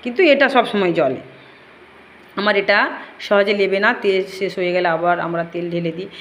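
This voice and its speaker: A woman's voice: mid-range voice, brisk. Earnest woman. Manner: earnest, pleading, addresses viewers as friends. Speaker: home shrine devotee vlogger. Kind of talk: devotional home vlog talk.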